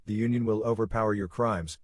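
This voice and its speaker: A man's voice: lowish voice, fairly even intonation, brisk, husky. A man voicing a bespectacled young male agent who speaks in a stiff, matter-of-fact way, in an audio novel.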